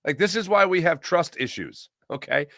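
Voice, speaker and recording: A man's voice: on the high side, animated, moderate pace, bright, forceful tone, no room sound, studio quality. An American man hosting a sports talk livestream, chatting casually and emphatically, often repeating phrases to make his point. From Pennsylvania, United States. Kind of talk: casual sports commentary and chat with viewers.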